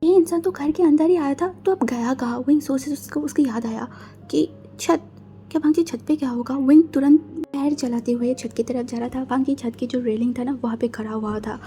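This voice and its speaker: Brief: chatty woman storyteller, high and mellow, casual narration. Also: brisk, a little hiss or hum. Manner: chatty, mixes English words. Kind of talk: casual fan-fiction narration.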